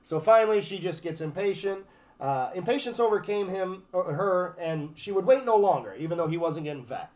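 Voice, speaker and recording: A man's voice: high voice, expressive, fairly quick, a little mellow. A man hosting a podcast, reading a fairy tale aloud and breaking in with joking asides. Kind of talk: casual storytelling with banter.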